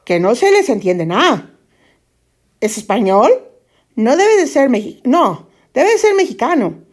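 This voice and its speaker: A woman's voice: sits high, expressive, measured pace, a little mellow, pitched above the performer's own voice. A woman reading a play scene aloud, voicing an exasperated Spanish exile who mocks and complains about Mexican speech. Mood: indignant mockery. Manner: mocking, indignant, exclamatory.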